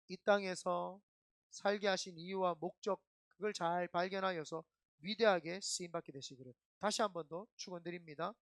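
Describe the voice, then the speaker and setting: A middle-aged man, a senior pastor, preaching a sermon in an emphatic, animated storytelling way. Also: sits high, no room sound.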